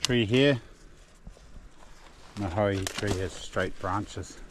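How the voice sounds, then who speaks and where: A man's voice: fairly low pitch, drawn-out words. A man from New Zealand with a broad Kiwi accent, talking casually and slangily in an outdoor adventure vlog in a laid-back manner. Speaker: vlogger. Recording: noisy outdoor recording with ambient sound.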